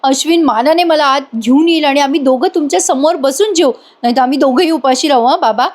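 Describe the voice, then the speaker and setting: A woman voicing a defiant young woman who insists loudly and confidently that she is right. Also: fast talker, close to an everyday voice. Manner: insistent, shrill, self-assured.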